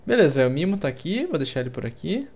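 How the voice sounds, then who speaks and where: A man's voice: a little high, big pitch swings, racing, darkish tone, breathy edge. A man with a Brazilian Portuguese accent, chatting casually while co-playing a survival game. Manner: laid-back, chatty, says "velho" often. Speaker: gamer co-playing. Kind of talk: casual gaming chat.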